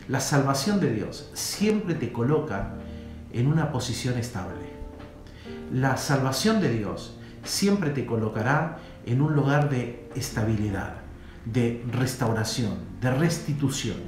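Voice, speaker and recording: Lively preacher in an echoey hall. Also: male voice, fairly high pitch. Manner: preacher's swells and drops, emphatic. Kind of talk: sermon. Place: church hall. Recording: echoey hall with faint guitar.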